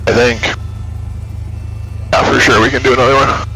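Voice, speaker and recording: A man, a student pilot, speaking through a headset in a small plane cockpit with clipped radio phrasing and brisk readbacks. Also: mid-range voice, level tone, creaky, sharp tone, breathy edge, low-quality recording. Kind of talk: radio calls and muttered cockpit remarks.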